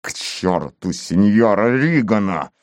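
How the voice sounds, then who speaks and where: A man's voice: on the low side, lively intonation, takes it slowly, no echo, clean studio sound. A man voicing a pompous, hot-tempered male police chief in a storybook reading. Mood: raging. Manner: indignant, blustering.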